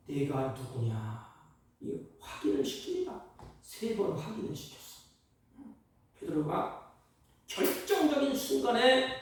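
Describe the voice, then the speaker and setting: A man pastor preaching a Sunday sermon, theatrical, jumping between loud exclamations and hushed asides and slowing down to act out quoted dialogue. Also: high-pitched. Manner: acts out quoted dialogue in slowed, drawn-out lines. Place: church sanctuary. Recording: very echoey church hall, mic far off.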